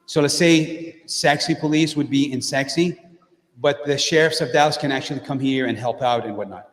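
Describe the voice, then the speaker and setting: A man's voice: medium pitch, moderate pace. A middle-aged man giving a direct, plainspoken talk as a guest speaker at a mosque, with frequent fillers and restarts. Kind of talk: informal community talk with Q&A. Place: mosque hall. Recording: echoey hall with long reverb.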